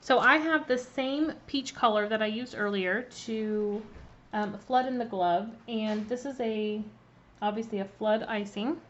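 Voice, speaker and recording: A woman's voice: a little high, a little slow, a bit bright. A woman chatting her way through a live-streamed cookie-decorating demonstration, greeting viewers by name with plenty of ums. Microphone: laptop mic. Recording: slightly muffled, faint background noise.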